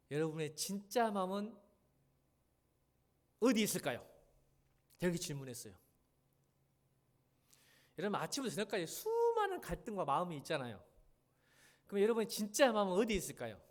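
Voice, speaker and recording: A man's voice: high-pitched, normal speed, pauses often. A middle-aged man preaching as a pastor, questioning the congregation and urging them to listen closely. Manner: animated, questions and addresses the congregation. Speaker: senior pastor. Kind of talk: sermon at a midweek church service. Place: church.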